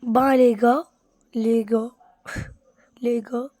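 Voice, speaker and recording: A woman in a dry, close recording talks her way through a game at an unhurried pace. She keeps half-whispering to herself, repeating the same words over and over. Her voice sits a little high and she comes across as easily bored. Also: flat delivery, dark tone, dry recording. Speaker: gaming streamer. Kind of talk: casual gameplay commentary.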